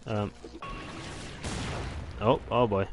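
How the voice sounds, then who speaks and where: A man chatting casually as he commentates his gameplay, rambling with many pauses and restarts. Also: lowish voice, steady tone, muffled recording, over music. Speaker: gaming channel host. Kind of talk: let's-play gameplay commentary.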